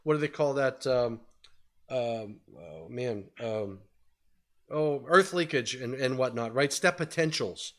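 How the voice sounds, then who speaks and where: A man's voice: medium pitch, expressive, slow. A man in his fifties giving a conversational webinar presentation over a video call from a home study, with many fillers.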